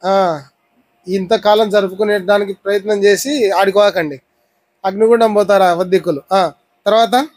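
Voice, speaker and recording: A man's voice: high-pitched, steady tone, moderate pace, pauses often, darkish tone, low-quality recording. A man from India with a Rayalaseema Telugu accent, preaching a sermon and pressing the congregation with repeated questions. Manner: repeated questions to the congregation, teaching with everyday examples. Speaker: pastor.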